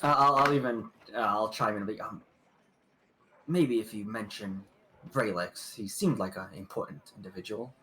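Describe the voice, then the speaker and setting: Low-voiced man playing a tabletop game. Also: normal speed, pushed and bright, slight background noise, poor audio. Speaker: player. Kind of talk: tabletop role-play.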